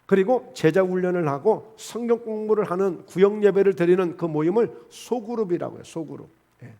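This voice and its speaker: A male pastor preaching a midweek sermon in a church, talking plainly to the congregation with many rhetorical questions and quick shifts between loud, emphatic lines and soft asides. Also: sits high, animated, vocal fry. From South Korea. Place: church sanctuary.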